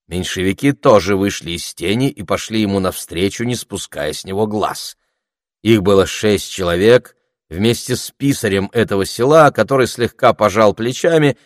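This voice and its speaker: A man narrating an audiobook in a calm, even storytelling manner. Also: lowish voice, no echo, studio quality. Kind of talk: scripted narration.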